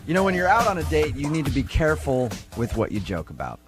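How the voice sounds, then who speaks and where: A man's voice: fairly high pitch, wildly swooping pitch, loud music behind the voice. A man co-hosting a morning radio show, joking and teasing in studio banter. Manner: joking, teasing, quick to laugh.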